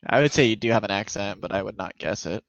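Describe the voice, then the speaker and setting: A man running quick, teasing quips during an online game. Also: fairly low pitch, dry recording, lo-fi sound. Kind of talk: casual game chat.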